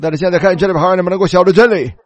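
High-voiced preacher man, animated. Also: very fast. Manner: animated storytelling, exclaiming hallelujah. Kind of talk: sermon.

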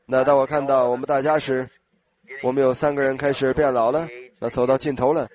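Slightly hoarse male preacher, conversational sermon. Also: medium pitch, rough recording. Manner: conversational, asking the congregation questions. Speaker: preacher addressing a congregation. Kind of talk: informal sermon.

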